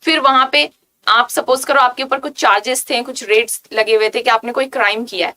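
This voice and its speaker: Woman, vocabulary teacher, high voice, repetitive, keeps checking understanding. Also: fairly even intonation, a little fast, sharp tone. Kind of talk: exam-prep vocabulary lesson.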